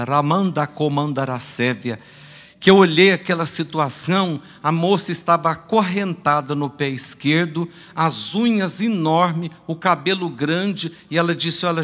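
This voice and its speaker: A male pastor telling testimonies in a sermon, swinging from loud praise to hushed storytelling, in a church. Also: fairly high pitch, moderate pace, hardly any pauses. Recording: long church hall reverb.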